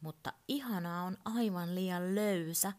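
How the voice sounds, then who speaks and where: A woman's voice: fairly low pitch, a little mellow, natural voice. A woman voicing an eager, curious young male toy bear who keeps asking why.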